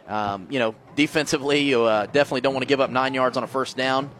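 Fast-talking male color commentator. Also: medium pitch, steady tone, a bit bright, a little hiss or hum. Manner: conversational, explains blocking schemes, many fillers.

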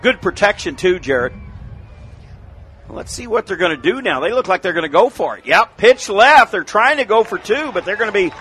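An American man giving live play-by-play commentary on a high school football game. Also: sing-song, fairly quick, a bit bright, breathy edge. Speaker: play-by-play sports announcer.

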